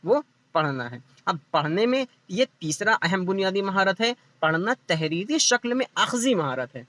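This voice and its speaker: A man's voice: high-pitched, very animated, pushed and bright. A male teacher giving an exam-prep lecture, repeating each point and answering his own questions. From India.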